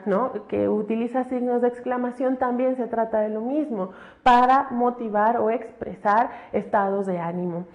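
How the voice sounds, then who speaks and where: A woman gives a recorded lesson in a high voice. She explains patiently and keeps checking in with tag questions. The recording sounds dull and lo-fi. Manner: explains with frequent tag questions, animated examples. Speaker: teacher. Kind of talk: recorded online lecture.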